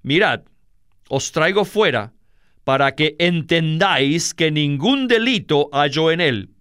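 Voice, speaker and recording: A man voicing a stern, questioning Roman governor in a Bible reading, measured and deliberate. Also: on the high side, expressive, fairly bright tone, clean tone, dry recording, clean studio sound.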